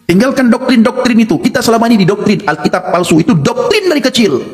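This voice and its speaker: A man's voice: very high-pitched, big pitch swings, fast, darkish tone, faint music behind. A man giving a testimony sermon, speaking emphatically to his listeners and acting out quoted dialogue. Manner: emphatic, addresses listeners as Bapak Ibu; acts out quoted voices in dialogue.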